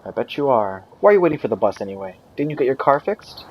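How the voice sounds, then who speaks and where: A sarcastic middle-aged mother, needling her grown child over the phone, as a man reads her lines aloud from a game. The voice stays at a middle pitch and is spoken quietly, with a teasing edge. A faint hiss sits underneath. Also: big pitch swings, fast, highs cut off, close to an everyday voice. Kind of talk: reading game dialogue aloud.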